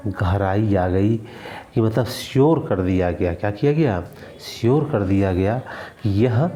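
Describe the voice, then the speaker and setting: A man's voice: fairly low pitch, dark tone, a little hiss or hum. A male teacher giving a grammar lesson, asking his own questions and answering them, repeating key words for emphasis.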